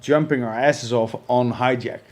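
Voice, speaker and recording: A man's voice: mid-range voice, steady tone, normal speed. Curious man, fifties-adjacent. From Netherlands. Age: 40s. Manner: curious, asks questions. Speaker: guest. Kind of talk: casual chat.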